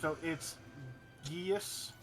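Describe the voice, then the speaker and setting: A man's voice: on the high side, over music. A man streaming a game and chatting casually, joking around and correcting himself as he goes. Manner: joking, animated, quick self-corrections. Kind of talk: casual chat while gaming.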